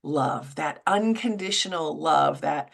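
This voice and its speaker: A middle-aged woman hosts a casual talk show podcast on faith and wellness, chatty, with frequent fillers and restarts. Her voice is low and slow with vocal fry.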